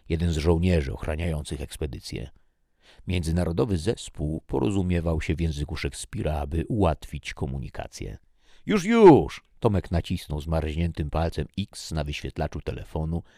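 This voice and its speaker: Super deep male narrator reading a story, dry no-echo sound. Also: mellow. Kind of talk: audiobook reading.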